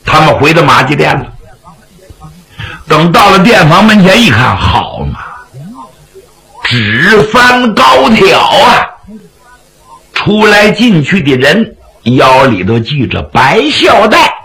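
Gravelly, lively male storyteller. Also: a little high, takes it slowly, pauses often, low-quality recording. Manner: dramatic, expressive narration. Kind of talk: traditional Chinese pingshu storytelling.

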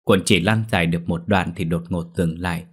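A man narrating a horror story in a steady, dramatic reading voice. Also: low voice, brisk, slightly rough.

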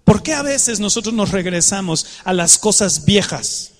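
A man preaching a sermon, animated and conversational, coaxing the congregation to join in. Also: high-pitched, moderate pace, big-room sound.

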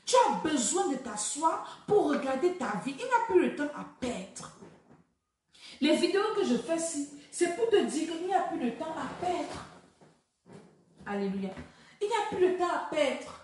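A woman's voice: high-pitched, sing-song, normal speed, a little mellow, a little hiss or hum. A woman teaching deliverance in a preaching video, exhorting and repeating herself as she speaks straight to the listener. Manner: exhorting, repetitive, addresses listener directly. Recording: very echoey room, voice far from mic.

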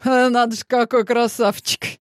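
A woman's voice: lowish voice, animated, normal speed, darkish tone, no room sound, studio quality, lightly acted. Woman reader as a brash, mocking police colonel; sardonic, bossy.

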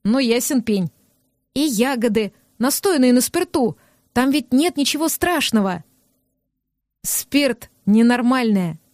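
A woman's voice: fairly high pitch, lively intonation, slow pace, darkish tone, no room sound, clean studio sound. A woman reading the part of a rude, irritable young man who snaps and sneers in an audiobook. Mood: gruff. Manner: curt, snapping, scornful.

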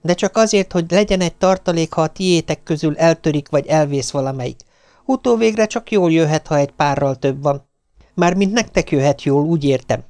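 A man's voice: on the high side, darkish tone, no echo, voice pushed up, lightly acted. A man reading aloud voices a fussy middle-aged wife who protests in a self-pitying, martyred way. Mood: grudging. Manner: whiny, protesting.

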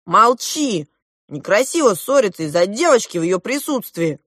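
A woman reading a storybook aloud and voicing a jealous, hot-tempered boy who shouts his retorts. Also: medium pitch, sing-song, moderate pace, no echo, clean studio sound, pitched above the performer's own voice. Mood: angry.

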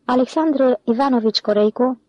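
A woman narrating an audiobook in a measured, expressive reading. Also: high voice, no echo. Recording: slightly dull dry recording.

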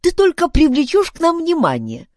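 A woman's voice: sits high, wildly swooping pitch, normal speed, darkish tone, no echo, clean studio sound, pitched above the performer's own voice. A woman voicing a cautious boy detective who keeps warning his companion in a storybook. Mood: urgent.

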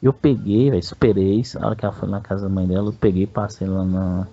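A Brazilian man with a fairly low, steady voice talks fast, rambling crudely through a personal story full of slang and repeated "velho." The casual storytelling has a lo-fi sound.

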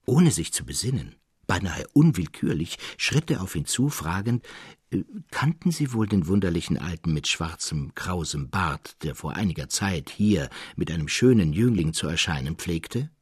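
A man narrating a classic story in an expressive reading, in a studio. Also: sits low, normal speed, husky, no echo.

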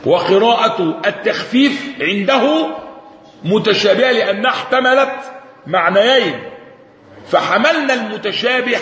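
A man's voice: sits high, fairly bright tone, highs cut off. A man with an Egyptian accent teaching Islamic jurisprudence in a classroom lecture, reading out quoted sources and explaining them step by step. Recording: echoey hall with faint noise.

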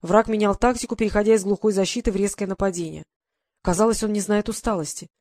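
A woman narrating a first-person adventure novel in an even, measured storytelling manner. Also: mid-range voice, dry recording. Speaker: audiobook reader.

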